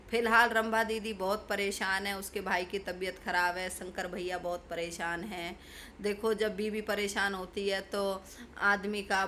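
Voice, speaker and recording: A woman's voice: mid-range voice, fairly bright tone, a little hiss or hum. Scolding Hindi-speaking woman vlogger. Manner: scolding, confrontational, preachy. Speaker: YouTube vlogger. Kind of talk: ranting commentary to camera.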